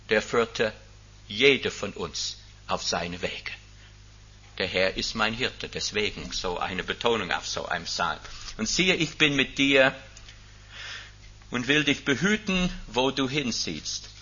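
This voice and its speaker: An older man preaching a sermon as pastor, swinging from loud emphatic peaks to quiet, intimate lows, with a husky voice. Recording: dull lo-fi recording.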